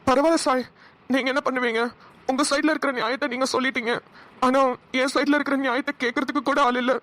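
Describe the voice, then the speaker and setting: A woman's voice: sits high, fairly even intonation, fast, fairly bright tone. A woman voicing a sorrowful lonely young man. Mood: sad, lonely. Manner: mournful, heavy-hearted delivery. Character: sad lonely young man, caring brother. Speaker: cartoon voice actor. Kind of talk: Tamil cartoon dialogue.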